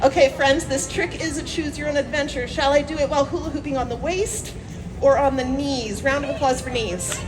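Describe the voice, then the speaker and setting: High-pitched woman, playful kids' magician-style street performer. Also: steady tone, a little fast, background noise. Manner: playful kids' magician showmanship, calling countdowns and audience prompts; joking, self-mocking asides. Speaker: street performer, hula hoop juggler. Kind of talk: comedic live street show patter to a crowd. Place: outdoors at a street festival. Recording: outdoor street, loud music and crowd.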